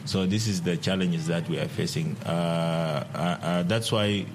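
A low, deep male voice, recorded over clear ambient noise. He is a dance instructor being interviewed, speaking halting English and often repeating words as he builds his sentences. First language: not English. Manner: halting, repeats words, non-native grammar. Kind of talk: interview answers.

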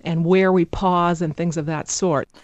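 A woman teaching English pronunciation on a radio show, her voice sitting slightly low. She breaks sentences apart and tapping out their rhythm with nonsense syllables. The sound is dry and close, with no room around it. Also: steady tone, measured pace, darkish tone, no room sound, highs cut off. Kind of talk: radio interview explanation.

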